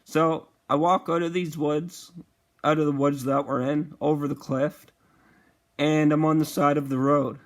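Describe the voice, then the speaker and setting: A young man with a slightly higher voice tells a wild personal story straight to the camera. His delivery is loose and profane, and he acts out the other people's lines as he goes. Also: measured pace. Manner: profane, animated retelling with acted quotes. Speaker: vlogger. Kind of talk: casual storytime monologue.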